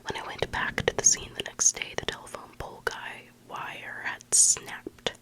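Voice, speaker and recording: Someone reading spooky bedtime stories as ASMR in an intimate, hushed whisper, very close to the microphone, with slow, lingering pauses.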